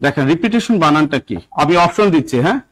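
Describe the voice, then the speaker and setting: A young man with a Bangladeshi accent and a fairly high voice teaches a live online spelling class as an English instructor for job exams. Expressive and quick, he repeats instructions again and again, urging students to write their answers and checking they understand, all in low-quality audio.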